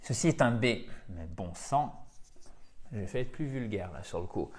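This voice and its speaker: A French-speaking man giving a lively English vocabulary lesson, chatty with his viewers and repeating words to drill their pronunciation. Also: on the low side, a little slow, slight background noise. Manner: chatty, addresses viewers as dear friends. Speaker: English teacher.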